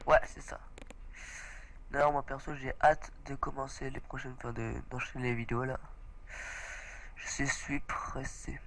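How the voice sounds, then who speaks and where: Stuffy from a cold, a young man hosting a gaming channel chats casually through a let's play, excitable and often exclaiming. Yet his medium-pitched voice is unhurried and creaky, with long pauses, and the recording is rough.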